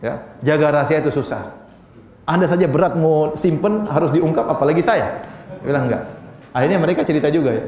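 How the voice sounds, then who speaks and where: A man's voice: a little high, fairly quick, darkish tone, echoey room. A man giving a casual, joking sermon and answering audience questions as a preacher. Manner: conversational, joking asides. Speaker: Islamic preacher.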